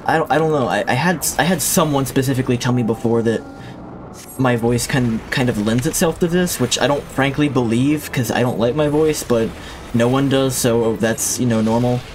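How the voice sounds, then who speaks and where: Against a noisy background, a medium-pitched man talks at a normal speed while livestreaming a game, chatting casually with his viewers. He rambles and reflects, frequently restarting sentences, through a limited streaming mic.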